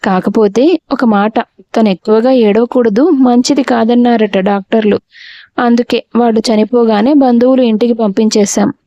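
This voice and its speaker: A woman reading the lines of a calm older village man who lends money, in an audio storybook. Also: a little high, moderate pace, no room sound, lightly acted. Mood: calm explaining. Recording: dull, dry lo-fi recording.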